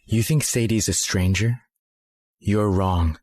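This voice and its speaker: A man acting a cool, resolute young man in a dubbed short drama, speaking in a measured, firm way as he spurns old friends. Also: fairly low pitch, darkish tone, no echo, clean studio sound. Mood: cold rejection. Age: young adult.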